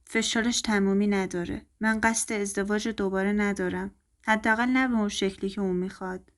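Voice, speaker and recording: A woman's voice: medium pitch, steady tone, close to an everyday voice. A woman reading a stern, cold-spoken rich man. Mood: firm. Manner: blunt, measured and businesslike. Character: stern, cold wealthy man laying out a contract. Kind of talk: storybook narration.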